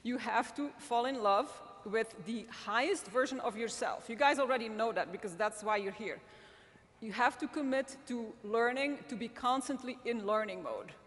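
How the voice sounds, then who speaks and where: Speaking at a summit, this magazine editor-in-chief addresses a live audience in a large event hall, and the recording carries long hall reverb. She is a middle-aged woman from Belgium for whom English is not the first language but one learned later. Her fairly bright, higher-pitched voice moves at normal speed through an earnest conference talk full of restarts.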